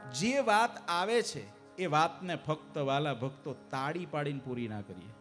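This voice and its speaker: A man preaching a devotional sermon to a live assembly, asking the audience questions and urging them to answer louder. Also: on the high side, animated, a little slow, faint music behind. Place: temple assembly hall.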